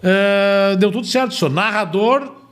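Chatty Gaúcho radio narrator, higher voice. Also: male voice, a little slow. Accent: Gaúcho Brazilian Portuguese. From São Leopoldo, southern Brazil. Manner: relaxed and talkative, likes doing impressions. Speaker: radio narrator and lawyer guest. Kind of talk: casual chat.

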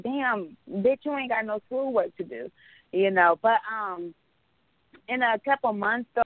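A woman's voice: medium pitch, no room sound. A woman hosting a podcast in casual, conversational chat. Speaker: podcast host. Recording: dry, thin phone-line sound.

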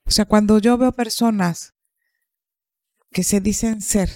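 A woman psychologist, calmly explaining and asking rhetorical questions in a podcast conversation. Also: medium pitch, takes it slowly, dry recording, clean studio sound. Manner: calm, explanatory, asks herself rhetorical questions.

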